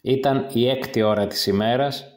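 A man narrating a story in the first person, in a steady, measured reading. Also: mid-range voice.

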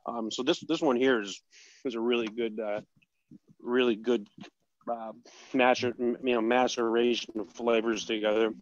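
A man's voice: mid-range voice, steady tone, moderate pace, no echo, highs cut off. A man hosting a casual cooking chat, talking between bites with loose restarts. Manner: chatty, talks while eating, trailing restarts. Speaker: host.

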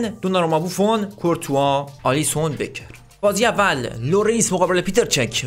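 A man's voice: high voice, fairly bright tone. A man commentating a football video game, teasing and urging the players on screen. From Iran. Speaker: gaming YouTuber.

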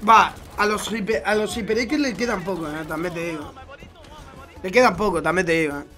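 A young man with a Spain Spanish accent commenting on gameplay videos, swinging from low mumbled asides to loud profane shouts. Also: a little fast, faint music behind. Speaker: gaming YouTuber reacting to gameplay. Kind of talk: excited game commentary.

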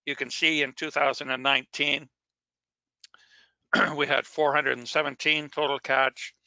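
A man walks through presentation slides at a virtual press conference, pausing, restarting and clearing his throat as his voice starts to fail. His tone is sharp and bright, and the video-call audio sounds dull and dry. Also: fairly high pitch, flat delivery, dry recording. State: losing his voice.

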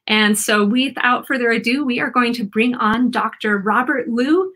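A woman's voice: fairly high pitch, moderate pace, sharp tone. Upbeat woman hosting a live stream. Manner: upbeat, enthusiastic. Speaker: host.

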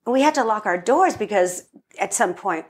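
A woman's voice: mid-range voice, normal speed. A middle-aged woman telling a family story in a casual interview, acting out the voices of the people in it. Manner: animated storyteller, acts out quoted voices. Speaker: podcast guest, filmmaker.

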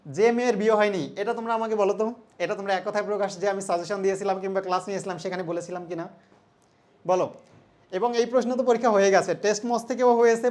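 Young Bangladeshi male teacher, chatty. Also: sits high. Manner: conversational, mixes English terms, asks students questions. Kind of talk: exam solution lesson.

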